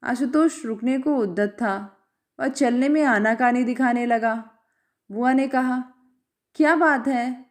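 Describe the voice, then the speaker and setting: A woman storyteller reads a literary short story aloud. Her voice sits a little high and she takes her time, unhurried and measured. The reading stays even throughout.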